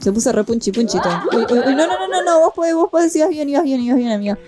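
High, lively Argentine woman commenting on a game. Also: racing. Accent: Argentine Rioplatense Spanish. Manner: playful and animated, jumping into silly voices. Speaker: gaming video host. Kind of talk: casual gameplay commentary. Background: game music.

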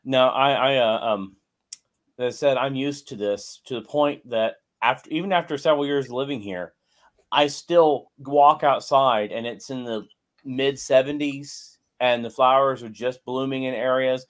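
A man's voice: medium pitch, measured pace. A man co-hosting a show, chatting casually and telling easygoing stories. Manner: relaxed, chatty storyteller. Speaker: co-host. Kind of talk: casual chat.

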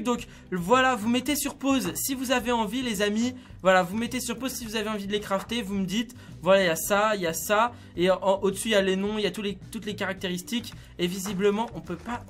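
A man giving casual, excitable commentary on a video game, chatting to his viewers like friends. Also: high voice. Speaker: gaming YouTuber.

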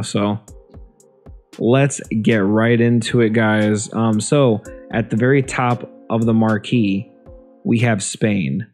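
A young man with a somewhat low voice talks casually into a close desk mic in a small room at home. He is chatty and relaxed, circling back over his words and filling pauses with um, and faint music plays behind him. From Ohio, USA. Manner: chatty, relaxed, repeats himself and says um often. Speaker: YouTube vlogger. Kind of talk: casual vlog talk. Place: small room at home in front of a green screen. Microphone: desk microphone near the face.

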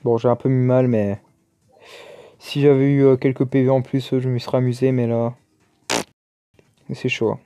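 Man chattering over his gameplay, dark mellow voice. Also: medium pitch, flat delivery, moderate pace, long pauses, clear, resonant tone. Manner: chatty, exclaiming, muttering to himself. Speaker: gaming YouTuber. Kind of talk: casual gameplay commentary.

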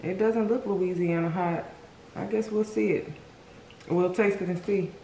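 This mukbang host has a mellow, lowish voice with fairly even intonation and an unhurried pace. She sits at a table indoors at home, eating as she talks to viewers and letting out appreciative "mm" hums over each taste, while the room echoes and background noise lingers.

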